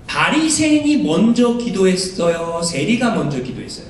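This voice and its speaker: A man's voice: very animated, normal speed. A man preaching a sermon to a congregation, asking them rhetorical questions and acting out pleading prayers. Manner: acts out prayers in a raised, pleading voice. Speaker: pastor. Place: church sanctuary. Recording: echoey church hall from far off, faint rumble.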